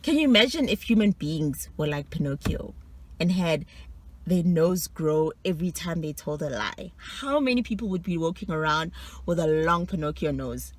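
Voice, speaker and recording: A woman's voice: sits low, lively intonation, moderate pace. A woman, chatting casually and teasing herself as she works through a quiz for her own video, laughing often between answers. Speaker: vlogger quizzing herself.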